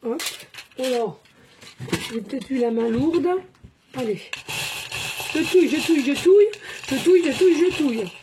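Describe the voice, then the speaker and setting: A woman's voice: high-pitched, animated, normal speed, long pauses, background noise. A woman medium giving a casual card-reading guidance, chatty and rambling, often tacking on little verbal fillers, talking at home. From France. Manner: chatty, rambling, peppered with "hein". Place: home by a glass patio door.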